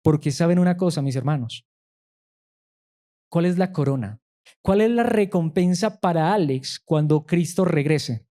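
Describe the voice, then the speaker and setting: A man's voice: on the high side, expressive, a little slow, dark tone. A man pastor, preaching a sermon emphatically and asking his listeners rhetorical questions.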